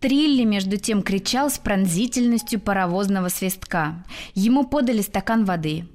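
A woman actress reading a classic story aloud in an even, expressive storytelling manner. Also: mid-range voice, normal speed. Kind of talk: audiobook narration.

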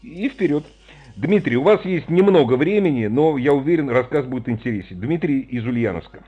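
A man's voice: mid-range voice, animated, brisk, breathy edge, phone-quality sound, soft background music. A man in his fifties hosting a call-in radio show, chatty and jokey as he reminisces with callers. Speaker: radio host.

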